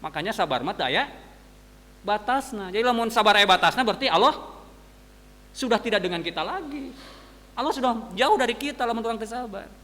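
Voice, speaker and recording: A man with a Sundanese accent preaching a dawn sermon to students, telling lively everyday stories. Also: high-pitched, in a large hall. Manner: animated storytelling, mixing casual asides and quick sound words. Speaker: religious teacher. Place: mosque hall.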